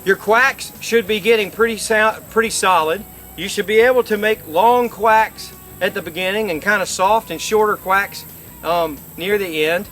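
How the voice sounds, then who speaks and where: Middle aged guy, pretty high voice, teaching a how-to outside, folksy and informal. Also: fairly bright tone. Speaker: duck-calling instructor. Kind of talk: informal instructional demonstration. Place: outdoors by a lake.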